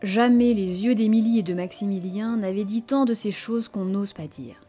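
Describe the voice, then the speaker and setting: A woman gives a scripted literary narration of a classic novel. Her reading is measured and expressive, with a mellow, dark tone at a middle pitch. Faint music plays softly beneath her voice. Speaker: audiobook narrator.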